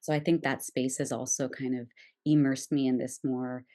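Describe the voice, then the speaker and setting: A Canadian woman in her thirties appears as a podcast guest, reflecting on herself in a thoughtful, hesitant, rambling personal conversation. Her voice rumbles low, mellow and level-toned at a normal speed.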